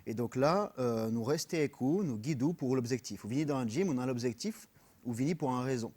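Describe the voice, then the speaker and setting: Earnest French-accented man, halting speech. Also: mid-range voice, warm tone. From France. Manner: earnest, halting, many fillers, mixes in English. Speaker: personal trainer, guest. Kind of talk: radio interview.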